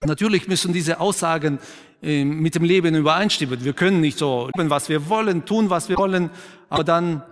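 Male preacher, a touch high-pitched, interactive sermon, softens for emphasis; church hall reverb. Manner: asks the congregation questions and affirms their answers; slows and drops to a quiet, emphatic tone for key points.

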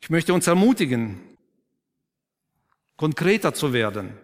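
Male preacher, a touch high-pitched, interactive sermon, softens for emphasis; church hall reverb. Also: very animated. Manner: asks the congregation questions and affirms their answers; slows and drops to a quiet, emphatic tone for key points.

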